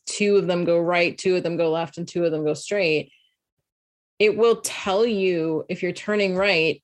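A woman in her twenties from Ontario in casual chat, telling little stories with lively energy and laughing at herself. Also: lowish voice. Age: 20s. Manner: animated storyteller, laughs at herself.

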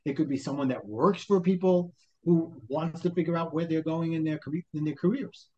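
This podcast guest, a life coach from Brooklyn, New York, speaks a little fast in a high-leaning, dark voice with a Brooklyn accent, heard through a muffled recording. His interview explanations are motivational, built on questions and imitated self-talk.

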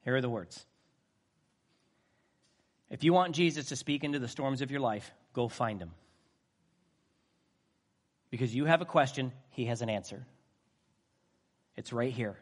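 A middle-aged man preaching a sermon, swinging between soft, earnest talk and loud bursts. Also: medium pitch, unhurried, long pauses. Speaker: pastor.

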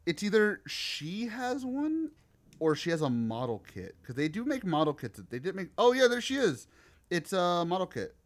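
A man's voice: sits high, big pitch swings, normal speed. A man, co-hosting a podcast in casual chat, teasing, laughing and swearing freely. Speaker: podcast co-host.

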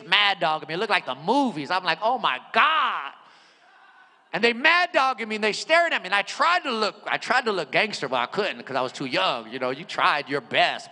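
A man in his forties preaching a sermon as a pastor, telling his story dramatically, dropping to a hush and rising to shouts. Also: high-pitched. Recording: echoey hall.

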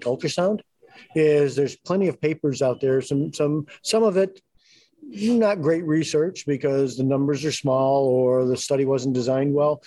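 A man's voice: medium pitch, warm tone, dry recording, rough recording. A man speaking in a casual panel discussion, thinking aloud with lots of "you know" and "I mean". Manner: thoughtful, many fillers like "you know".

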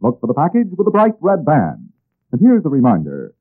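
A man in the style of an old radio announcer, reading a scripted sales pitch and addressing listeners directly like a salesman. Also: wildly swooping pitch, fairly quick, breathy edge. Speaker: announcer reading sponsor ads. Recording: tinny, band-limited old radio recording.

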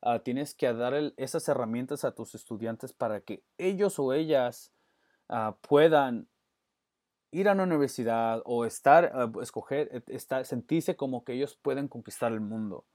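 A man's voice: medium pitch, normal speed, a little mellow, no room sound, studio quality. A man who works as an educator, answering interview questions earnestly, often slipping English words into his Spanish and restarting phrases. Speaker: guest, educator.

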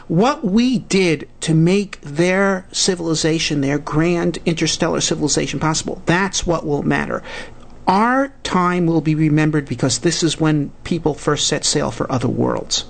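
A man with a Brooklyn New York accent, speaking as an expert guest in a radio interview, halting but earnest. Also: fairly high pitch, vocal fry. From United States. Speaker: guest expert, society president.

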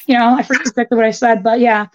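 Higher-voiced woman reading horoscopes, slightly muffled. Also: level tone, background noise. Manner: informal, halting, thinking aloud. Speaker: guest astrologer.

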